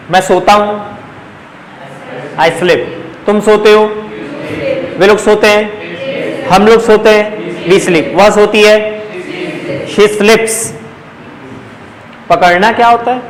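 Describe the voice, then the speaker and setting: A man's voice: high-pitched, fairly even intonation, very slow, pauses often. A young male teacher with a Chhattisgarhi Hindi accent, coaching a live class by drilling sentence patterns and coaxing his students along in a chatty way. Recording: echoey classroom, faint background noise.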